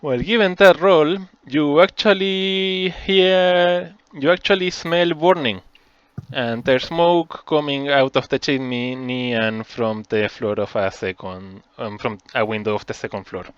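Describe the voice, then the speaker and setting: A man narrating as game master, describing scenes in a slow, casual way. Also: medium pitch, a bit bright, clear, resonant tone, dry recording, muffled recording.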